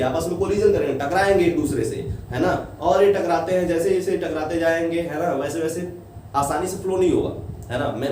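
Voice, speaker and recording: Male teacher, slightly high and mellow, lecturing step by step, echoey room, mic far off. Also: a little hiss or hum. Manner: explains step by step, keeps asking "है ना?". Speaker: physics teacher. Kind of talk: classroom lecture.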